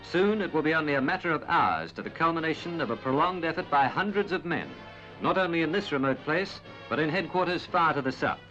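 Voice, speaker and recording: A man narrates a 1960s documentary with formal, dramatic weight. His voice is a little high and moves in animated swings. The old film soundtrack is dull and band-limited, with some music. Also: brisk.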